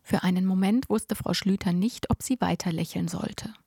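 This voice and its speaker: Woman narrator, first-person audiobook, expressive, close dry sound. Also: on the low side, normal speed, vocal fry, husky, no echo. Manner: lively, expressive reading.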